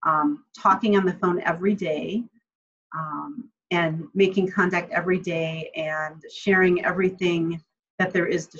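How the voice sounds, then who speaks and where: A woman's voice: on the low side, fairly bright tone, breathy edge. A woman speaking from home on a video call, answering audience questions in a friendly, reflective way with frequent ums. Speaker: guest speaker. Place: home room, indoors. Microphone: webcam on video call. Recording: slightly muffled video-call audio.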